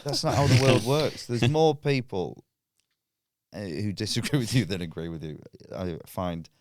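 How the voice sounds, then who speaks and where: A man's voice: fairly low pitch, normal speed, darkish tone, a little hiss or hum. A man chatting casually on a podcast as a guest comedian, swearing freely and laughing often.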